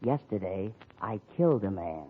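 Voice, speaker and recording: An actor playing a deadpan, whispering escaped male lunatic in a 1940s radio comedy. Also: sits low, moderate pace. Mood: creepy. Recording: lo-fi old radio broadcast, hiss.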